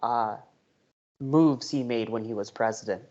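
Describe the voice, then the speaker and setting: A man's voice: medium pitch, a little slow, a little mellow. A man on a podcast, giving short agreeing replies and blunt opinions. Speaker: podcast guest, community co-president. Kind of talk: casual podcast chat. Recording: dull lo-fi sound.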